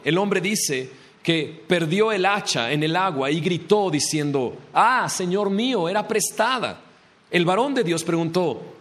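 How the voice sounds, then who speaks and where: A male pastor preaching a sermon, asking rhetorical questions and slowing down to stress scripture. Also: on the high side. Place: church.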